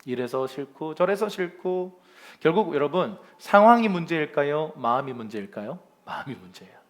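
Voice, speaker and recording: A male pastor giving a lively, conversational Sunday sermon to a congregation in a church, acting out complaints and chuckling as he goes. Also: on the high side, moderate pace. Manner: chuckles often while speaking.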